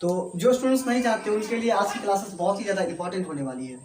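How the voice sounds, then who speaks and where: A man teaching English to his class, speaking with an Indian accent and repeating himself, often checking that his students are following. His voice sits fairly high. The room is echoey and has background noise. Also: very fast. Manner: repetitive, checks understanding often.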